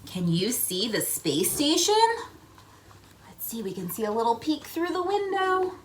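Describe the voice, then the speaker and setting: An unhurried woman with a fairly high pitch hosts a read-aloud of a children's picture book, with slight background noise. Her storytelling is expressive, with coaxing questions, asides to young listeners, and sound words she acts out.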